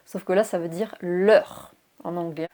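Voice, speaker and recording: A woman teaching English pronunciation in a video lesson. She explains clearly and spells words out letter by letter. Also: lowish voice, steady tone, unhurried, mellow.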